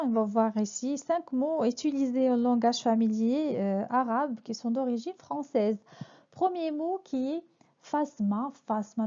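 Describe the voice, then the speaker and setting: A woman from Morocco giving a French vocabulary lesson, explaining words slowly with frequent hesitations and fillers. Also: fairly high pitch, dark tone. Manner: hesitant, many fillers and restarts. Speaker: French teacher. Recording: dull lo-fi sound.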